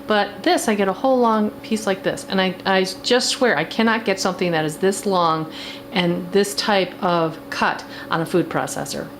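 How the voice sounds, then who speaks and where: A woman's voice: medium pitch, normal speed, natural voice. A middle-aged woman playing a campy, glamorous housewife who hosts a chatty cooking demonstration with a theatrical drag-queen manner. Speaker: cooking show host. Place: home kitchen. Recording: clear background noise in kitchen.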